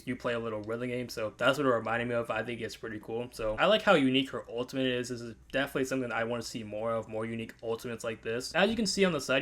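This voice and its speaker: A man's voice: medium pitch, a bit bright. A tired young man rambling through casual commentary on a game update, often restarting his sentences and correcting himself. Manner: rambling, self-correcting, frequent fillers and restarts. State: tired from staying up late. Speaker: gaming content creator.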